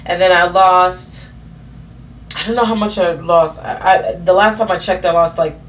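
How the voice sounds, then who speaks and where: A woman's voice: on the low side, steady tone, moderate pace, a little hiss or hum. A woman in her thirties telling a personal story in a casual vlog, rambling with many fillers and self-corrections. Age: 30s. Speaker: vlogger.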